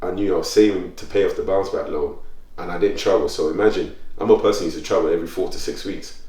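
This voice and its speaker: Animated man in a roomy room. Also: low-pitched, fast, distant mic. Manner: animated storytelling with slang, voice jumps up when worked up. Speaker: podcast host. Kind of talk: casual chat. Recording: roomy sound, a bit off the mic.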